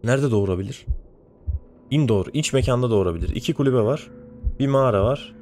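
A man's voice: medium pitch, quick pace, darkish tone, soft background music. A man giving let's play commentary as he plays, talking to himself and swearing often in exasperation. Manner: talks to himself while playing. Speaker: gaming channel host.

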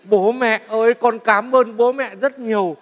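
A silly gushing grown son. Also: male voice, very high-pitched, steady tone. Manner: gushing, childish, quick. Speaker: comic actor in a sketch. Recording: dull stage sound with long reverb.

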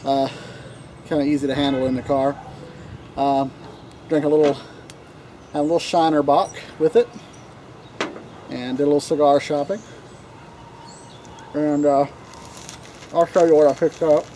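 Laid-back Southern man, mellow voice. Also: fairly high pitch, unhurried, pauses often, a little hiss or hum. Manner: relaxed, rambling, frequent fillers. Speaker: cigar vlogger. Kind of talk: casual chat to camera. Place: outdoor deck, breezy.

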